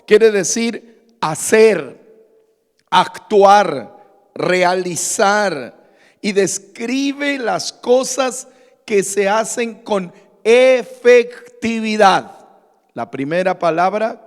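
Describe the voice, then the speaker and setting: A man preaches a sermon in a high voice with a long reverb behind it. He speaks slowly and deliberately, asks the congregation questions and then answers them himself. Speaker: pastor.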